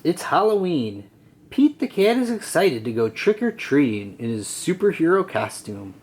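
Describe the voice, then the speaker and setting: A storybook narrator reading aloud for children in an expressive, deliberate way. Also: mid-range voice.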